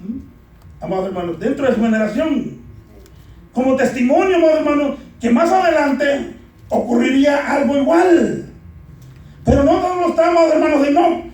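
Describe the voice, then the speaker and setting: High-voiced preacher in an echoey hall. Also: male voice, normal speed, darkish tone. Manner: keeps calling out "amados hermanos" and asking the congregation to answer. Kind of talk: sermon. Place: church. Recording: echoey church hall, distant from mic.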